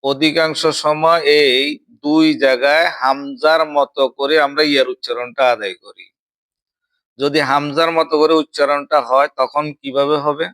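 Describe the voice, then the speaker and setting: A young male Quran teacher leads a recitation drill. He chants verses in long, drawn-out lines, then explains pronunciation in a bright, clear voice. He keeps the lesson moving by asking his student short questions. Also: on the high side, steady tone.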